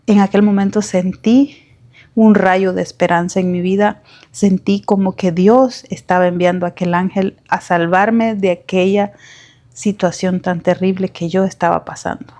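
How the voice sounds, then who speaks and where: A woman's voice: medium pitch, fairly even intonation, normal speed, warm tone. A woman telling her own life story in the first person, heartfelt and a little hesitant.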